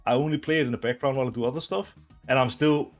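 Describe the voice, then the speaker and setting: Danish-raised man in his twenties, relaxed. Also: mid-range voice, rapid-fire, soft background music. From Denmark. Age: 20s. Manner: relaxed, rambling answers full of fillers and laughs. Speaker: interview guest, retired esports player. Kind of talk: casual video interview.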